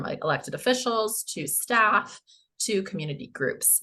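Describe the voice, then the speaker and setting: An American woman with a hoarse, croaky voice, giving a public presentation to a board. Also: low-pitched, pushed and bright. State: hoarse, coughing. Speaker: presenter, housing finance agency staff.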